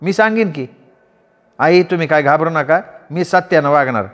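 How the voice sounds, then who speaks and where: A soft, pleading young village wife, as a man puts her on, cautious and soothing. Her voice sits well above his own. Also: a little high, expressive, moderate pace, in a large hall, voice pushed up, lightly acted. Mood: earnest.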